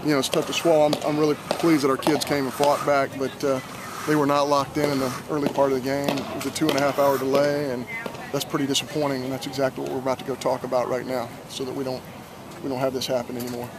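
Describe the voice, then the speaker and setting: A man's voice: medium pitch, level tone, fast talker, noisy background. A middle-aged man, a head baseball coach, gives an earnest postgame interview at a stadium at night, often repeating words as he restarts.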